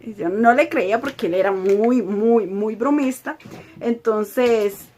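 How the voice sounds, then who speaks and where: A woman's voice: on the high side, slow pace, a little mellow, a little hiss or hum. A young woman, telling a personal storytime with emotion, often repeating herself. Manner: emotional, repetitive retelling. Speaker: vlogger.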